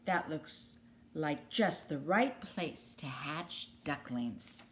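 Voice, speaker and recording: A woman voicing a fussy, excitable female mallard duck from a storybook, fretful and emphatic. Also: deep voice, slow, slight background noise. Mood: approving.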